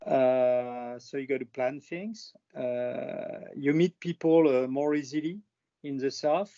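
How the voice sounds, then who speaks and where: A man's voice: mid-range voice, slow, warm tone. A man with a French accent, talking casually on a video call, hesitant, with many fillers and restarts. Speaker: presenter on France in a video call. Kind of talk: casual chat. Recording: dull lo-fi call audio.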